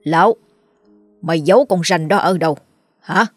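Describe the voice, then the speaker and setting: A woman's voice: lowish voice, fairly quick, no room sound, soft background music, natural voice. A woman voicing a cruel, furious old male village official who barks orders. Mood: enraged. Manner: shouting, barking orders.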